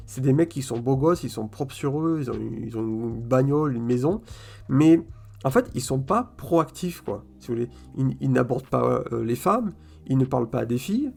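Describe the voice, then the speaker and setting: A man vlogging a casual opinion monologue straight to his viewers, colloquial, stumbling over repeated words and filling pauses with "euh", checking in with "ok?". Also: medium pitch, vocal fry, a little mellow. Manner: addresses viewers directly, "si vous voulez", "ok?".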